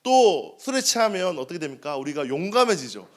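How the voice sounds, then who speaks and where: A man's voice: high voice, very animated, a little fast. A male pastor in his thirties preaching a sermon in a church, asking the congregation questions and answering them himself. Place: church sanctuary.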